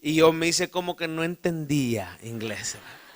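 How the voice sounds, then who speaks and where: Preaching with a Salvadoran accent, this pastor tells a folksy, amusing tale about himself and keeps calling his hearers brother, all inside a church sanctuary. His slightly high voice moves at normal speed with lively intonation.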